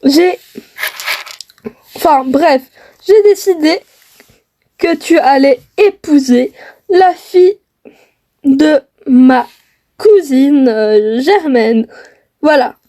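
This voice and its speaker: A woman voicing a bossy, snobbish mother who scolds her son, shrill and indignant, in a homemade family skit. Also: animated, extremely slow, long pauses, warm tone, heavily acted.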